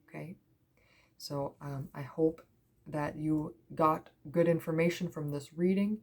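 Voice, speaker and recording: A young woman from the Midwest reads cards in a soft, low voice. She talks in a gentle, reassuring way and drifts into chatty little asides. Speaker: tarot card reader. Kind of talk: spiritual card reading.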